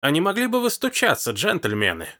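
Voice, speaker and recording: A man voicing a rude, deaf old woman with a creaky, screeching voice in an audiobook. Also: fairly low pitch, huge pitch swings, brisk, sharp tone, pitched above the performer's own voice, full character voice. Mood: haughty. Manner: screeching, haughty. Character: shrill, rude old woman, hard of hearing.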